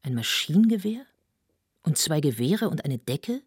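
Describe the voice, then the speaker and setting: A woman voicing a law-abiding man scolding his son, with a slightly husky voice. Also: deep voice, sing-song, moderate pace, darkish tone, dry recording, clean studio sound, heavily acted. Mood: indignant. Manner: indignant, scolding.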